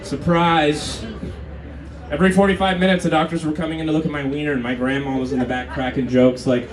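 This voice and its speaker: Onstage at a comedy club, a man in his thirties, originally from Brazil, delivers profane, wry anecdotes and trades lines with the audience. His slightly high voice comes across flat and fairly quick. He sounds far from the mic, with slight noise and laughter echoing through the room.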